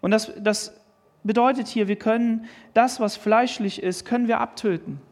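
A man's voice: high voice, fairly even intonation, moderate pace, a little mellow. A man preaching a sermon, earnestly reading and explaining Bible verses and asking pointed questions. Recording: long hall reverb.

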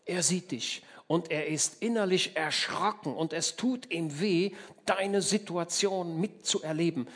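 A German man preaching a sermon, telling the story in a lively way, acting out the people in it and often asking his listeners for agreement. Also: a little high, measured pace, breathy edge. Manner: lively storytelling, acts out voices, asks the listeners questions.

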